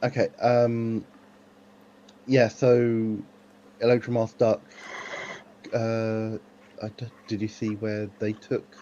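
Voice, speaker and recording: A man's voice: on the low side, monotone, slow pace, long pauses, warm tone. A man playing a tabletop game on an online call, chatting casually and a little tentatively. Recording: muffled call, faint background noise.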